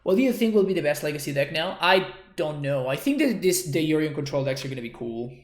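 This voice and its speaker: A fast-talking man with a highish voice that swings widely in pitch, heard in a reverberant space. He's an Argentine native Spanish speaker whose English carries a Spanish accent, casually narrating his own gameplay as a streamer. He thinks out loud, often restarting sentences and poking wry fun at himself.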